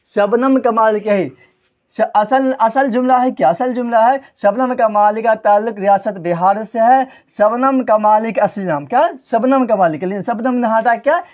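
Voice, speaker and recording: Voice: mid-range voice, a little mellow. A grammar teacher giving a classroom lesson, repeating each point and quizzing the listeners before answering their own questions. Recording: dull lo-fi recording.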